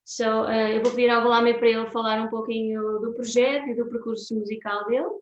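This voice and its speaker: A woman from Portugal interprets for a guest, her voice mid-pitched and rather flat in tone. She speaks haltingly with many fillers and sounds distant from the mic. The space is roomy, with a faint hiss behind her. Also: lo-fi sound. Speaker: musician and interpreter. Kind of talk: translating for a guest at a festival talk.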